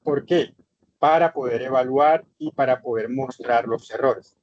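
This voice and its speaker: A man's voice: medium pitch, unhurried, dry recording. A man lecturing in an online English class, explaining instructions with emphatic repetition. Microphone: computer mic in online session. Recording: dull lo-fi online session audio.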